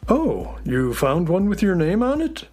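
A man voicing a friendly, excitable space horse who looks after sounds, folksy and enthusiastic, in a children's audio story. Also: high-pitched, unhurried, faint music behind, heavily acted. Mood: upbeat.

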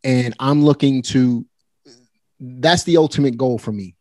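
In casual conversation, a forty-year-old man addresses his listeners directly, sounding relaxed, unhurried and motivating. The recording is close and dry with no room sound, and his voice sits at a typical middle pitch.

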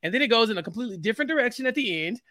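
Lively high-voiced man. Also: racing, no echo, studio quality. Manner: animated and joking, with dramatic quoted asides. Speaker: podcast guest. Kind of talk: casual podcast chat.

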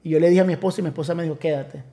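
A pastor, telling an emotional personal testimony with many restarts and acted-out quotes. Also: male voice, a little high, steady tone, racing, creaky, dark tone. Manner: storytelling with many restarts, acts out quoted voices. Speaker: pastor, podcast guest.

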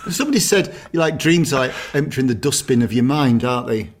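A man's voice: mid-range voice, lively intonation, fairly quick. A middle-aged man, co-hosting a podcast and telling stories with frequent laughs. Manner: chatty storyteller, laughs often. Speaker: podcast co-host. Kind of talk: casual chat.

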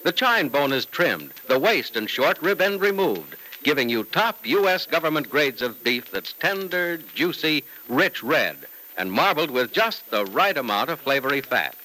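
An American man announcing in 1940s radio style, giving an emphatic, polished sponsor pitch. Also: sing-song, measured pace, few pauses, pushed and bright, poor audio. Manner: emphatic, polished salesman delivery.

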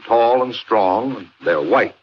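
An actor playing a brisk, earnest newspaper editor in an old-time radio drama. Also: male voice, lowish voice, lively intonation, breathy edge, full character voice. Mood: grave, urgent. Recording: noisy, dull old radio recording.

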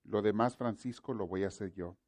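A man's voice: on the low side, a little fast, a little mellow, natural voice. A man preaching a sermon gives voice to God, a mighty, commanding male divine presence who talks in solemn, proclaiming phrases and keeps repeating one name.

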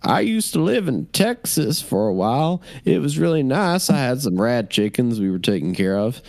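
A man doing a chatty high-voiced captive. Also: sing-song, normal speed, gravelly, a little mellow. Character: easygoing male captive, former chicken keeper.

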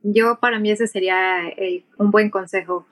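A middle-aged interview guest with a Mexican Spanish accent, working as a pilot and aviation English instructor, explains things conversationally by acting out examples. She has a mid-range, somewhat bright voice with a steady tone and normal speed.

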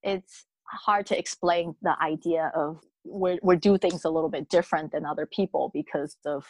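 A woman's voice: low voice, steady tone, normal speed, dry recording, poor audio. Reflective Taiwanese mother in her thirties. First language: Mandarin. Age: 30s. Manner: reflective, many fillers and restarts. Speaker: interviewee, mother. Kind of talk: casual interview chat.

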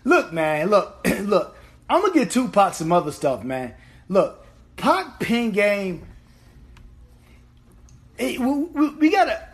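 A man with a high-pitched voice co-hosts a casual, slangy discussion. He is excitable and tends to repeat words in bursts as he talks. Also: takes it slowly, long pauses. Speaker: podcast co-host. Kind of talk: casual chat.

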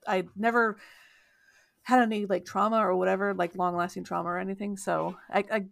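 A woman's voice: medium pitch, flat delivery, brisk, gravelly, no echo. A woman in her thirties co-hosting a casual podcast, talking bluntly and swearing freely. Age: 30s. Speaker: podcast co-host.

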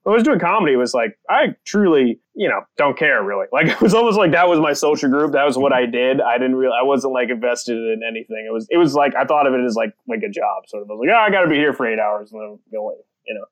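A young man, a comedian, telling stories on a podcast in a casual, animated way, laughing and swearing freely. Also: mid-range voice, fast talker, few pauses. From United States. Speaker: comedian guest.

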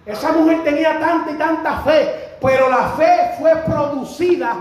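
A man preaching a sermon in a church, fervent and breaking into shouts on key phrases. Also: very high-pitched, moderate pace. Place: church sanctuary. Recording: very echoey church hall.

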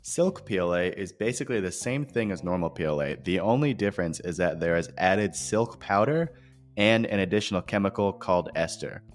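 A man's voice: low-pitched, lively intonation, brisk. A man hosting an informal scripted podcast, explaining things directly to listeners, his voice echoing in a bare, unfurnished office. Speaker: podcast host. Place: new empty office without furniture. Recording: echoey empty office, music behind.

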